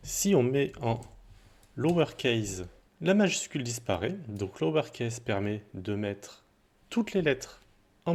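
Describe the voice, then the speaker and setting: A man explaining a coding tutorial in a relaxed, chatty way, with small asides and self-corrections. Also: mid-range voice. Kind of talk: screen-recorded coding tutorial.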